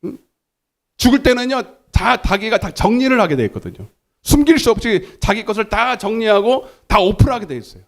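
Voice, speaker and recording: A man preaching in a church sanctuary with a fairly high voice. He is emphatic and swings his pitch up and down. He calls out for the congregation's responses. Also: expressive, a little fast, gravelly. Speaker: pastor. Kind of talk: sermon.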